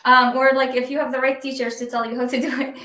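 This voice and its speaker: Bright, distant woman on an echoey video call. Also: sits high, little pitch movement, fast talker. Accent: Iraqi Arabic. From Iraq. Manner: easygoing, laughs often, many ums. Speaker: guest drummer. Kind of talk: live stream interview. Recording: echoey room, distant from the mic.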